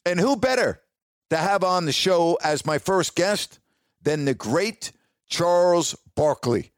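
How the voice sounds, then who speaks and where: Podcast host: American male, higher-set voice, excited and emphatic chat, close dry recording. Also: slow pace, dry recording. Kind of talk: upbeat podcast intro and casual chat.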